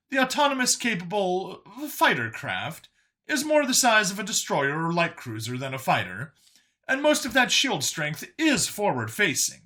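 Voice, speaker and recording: Playing an alien official giving a briefing, a man narrates a scripted science fiction drama in a bright, forward voice pitched slightly high. His pitch swings widely between phrases, yet his delivery stays wry and expository.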